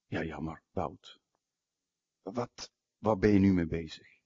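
Man playing God in a sermon retelling, calm and probing, husky and unhurried, dull lo-fi sound. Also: low-pitched, voice pushed down, exaggerated voice. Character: patient questioning God, male, calm and probing. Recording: dull lo-fi recording.

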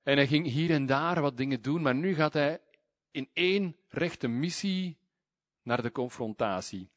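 A man preaching a sermon, reading scripture aloud and giving words lively emphasis. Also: fairly high pitch, a little slow, dry recording. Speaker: pastor.

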